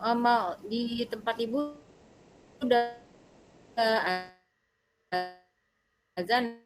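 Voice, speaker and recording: A woman lecturer asking her class short, halting questions over a video call whose audio keeps breaking up. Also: fairly high pitch. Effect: choppy, breaking-up video call audio. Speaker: university lecturer. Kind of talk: casual talk to students before an online class.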